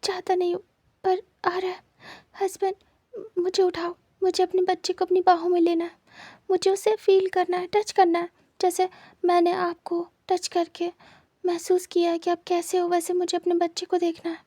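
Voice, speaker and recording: A woman's voice: very high-pitched, completely flat delivery, normal speed, long pauses, dark tone, dry recording, pitched above the performer's own voice. A woman voicing a young blind man who has just become a father, pleading and teary. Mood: crying.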